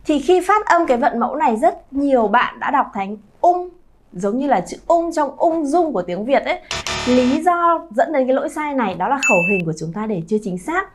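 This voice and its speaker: A woman in her thirties teaching pronunciation to her viewers, lively and drawing out sounds to model them. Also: sits high, fairly quick, soft background music. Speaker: Chinese teacher, channel founder. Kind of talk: pronunciation lesson to camera.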